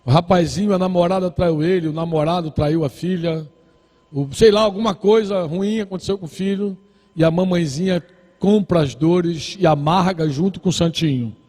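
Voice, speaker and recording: A male pastor delivers a sermon with a high voice, pressing his points home through repetition. The tone is dark and a little husky. The sound carries a long reverb from a church hall. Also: moderate pace. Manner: exhorting, repetitive, acts out dialogues.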